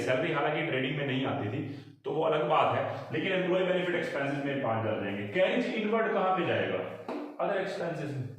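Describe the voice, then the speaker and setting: A man's voice: a little high, distant mic. A male commerce teacher explaining accounts, with terms and putting questions to his students. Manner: explanatory, asks students questions and answers them. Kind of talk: explaining accounts in a recorded lesson. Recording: roomy, echoey room, mic set back.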